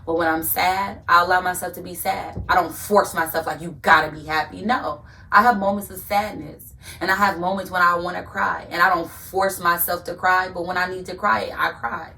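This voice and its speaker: A woman's voice: lowish voice, steady tone, normal speed, vocal fry, bright, forceful tone, far from the mic. A woman hosting a podcast, giving an earnest faith-based motivational talk and repeating phrases for emphasis like a preacher. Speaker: podcast host.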